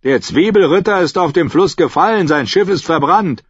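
A gruff, dismissive gate guard, put on by a male narrator, barking short replies in a raised voice. His tone is husky. The recording is dull and dry. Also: fairly high pitch, expressive, normal speed, no room sound, voice pushed up. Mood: brusque. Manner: curt, brusque.

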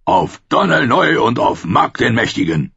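A man playing a booming, laughing wildling chief. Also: sing-song, measured pace, creaky, sharp tone, breathy edge, no room sound, heavily acted. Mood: roaring jovial. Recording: muffled lo-fi recording.

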